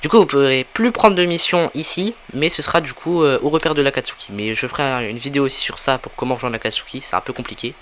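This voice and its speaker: Young man, casual gameplay commentary, relaxed, many fillers, desktop mic, faint hiss. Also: medium pitch, quick pace, hardly any pauses. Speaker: gaming tutorial creator. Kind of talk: casual game walkthrough commentary.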